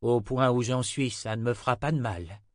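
A man voicing a weary, grieving old male border guard in an audiobook, speaking slowly and subdued. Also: mid-range voice, no echo, studio quality, natural voice. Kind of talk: audiobook character reading.

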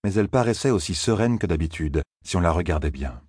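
A male audiobook narrator reading a fantasy tale at a measured pace. His voice is very deep with a husky edge, and the recording is dry and close. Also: animated, darkish tone, no room sound. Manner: measured storytelling.

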